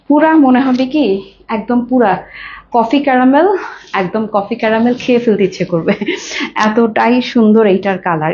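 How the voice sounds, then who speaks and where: A woman with a Bangladeshi Bengali accent and a hoarse voice, pitching saris in an effusive live sales stream. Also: a little mellow. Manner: effusive, mixes English phrases. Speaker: live-stream saree seller. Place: clothing showroom. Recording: dull lo-fi live stream with faint noise.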